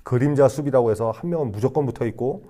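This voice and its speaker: Man, youth preacher, sermon, mid-pitched, mellow dark tone, conversational, rhetorical questions. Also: fast. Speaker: youth pastor. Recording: re-recorded sermon broadcast.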